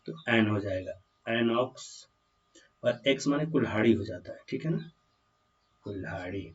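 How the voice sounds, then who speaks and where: A man's voice: mid-range voice, expressive, unhurried. Hindi-speaking man teaching grammar, distant. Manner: keeps asking the class questions, calls students "बालक". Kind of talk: grammar lesson explained in Hindi. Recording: dull distant classroom recording.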